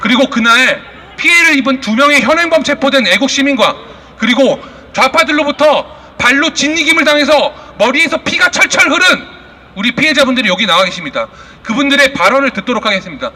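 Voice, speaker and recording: A man's voice: very high voice, animated, brisk. A man giving a fiery, indignant protest speech as the moderator of a rally, accusing and throwing out rhetorical questions. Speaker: rally speaker and press conference moderator. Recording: loud public address with long reverb.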